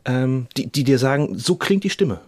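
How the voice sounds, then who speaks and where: A man co-hosting a podcast, asking questions in a relaxed, halting way. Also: mid-range voice, no room sound. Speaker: podcast co-host. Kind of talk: casual interview talk.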